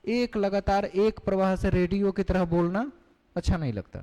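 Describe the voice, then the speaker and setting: A man's voice: sits high, steady tone, normal speed, warm tone. Man lecturing a class in a reverberant hall. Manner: explanatory, asks the class questions, mixes in English terms. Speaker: teacher.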